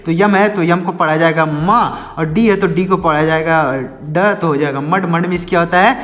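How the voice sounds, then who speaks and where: A man's voice: on the high side, steady tone, normal speed, fairly bright tone, big-room sound. A man teaching an English lesson, asking his own questions and answering them again and again.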